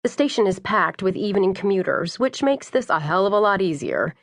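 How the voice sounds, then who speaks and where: A woman reading a first-person audiobook narration in a wry, brisk storytelling manner. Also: medium pitch, lively intonation, no room sound.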